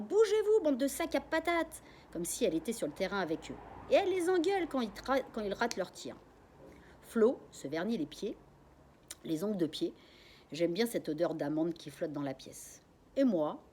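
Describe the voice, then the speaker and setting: A woman reading a children's novel aloud, voicing the characters' lines with shouts and whispers. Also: lowish voice, slight background noise. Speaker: reader.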